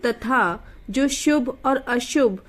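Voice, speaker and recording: A woman reading out the meaning of a scripture verse in a slow, solemn, formal way. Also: on the high side.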